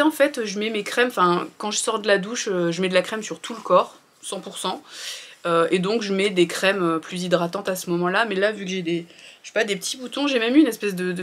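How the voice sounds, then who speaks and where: A woman's voice: medium pitch, fairly bright tone. A woman, chatting casually through her skincare routine in a candid, rambling way with lots of fillers. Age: 30s. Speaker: beauty vlogger.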